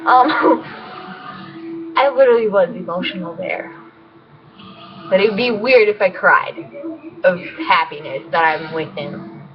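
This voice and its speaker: A woman's voice: on the low side, measured pace, pauses often, a crowd in the background. A woman rambling in a casual vlog, giggling and gushing as she talks. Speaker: vlogger. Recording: dull lo-fi with voices behind.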